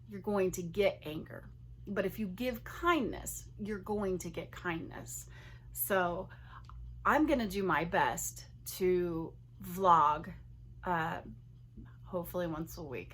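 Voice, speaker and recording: Husky-voiced woman teacher chatting earnestly. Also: fairly low pitch. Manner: earnest, chatty, repeats herself for emphasis. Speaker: third grade teacher. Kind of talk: casual vlog monologue.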